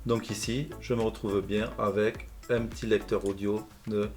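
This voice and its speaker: Male teacher voice, calm step-by-step tutorial narration over soft background music. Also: fairly low pitch, normal speed. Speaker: language teacher.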